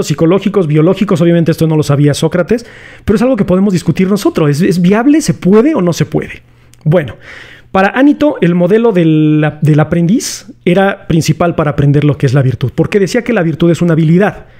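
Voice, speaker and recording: Mexican man, casual philosophy lesson host, slangy and conversational, asks the audience a lot, slightly higher pitch. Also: dark tone. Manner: chatty, slangy, poses rhetorical questions to viewers. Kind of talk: casual explanatory lecture.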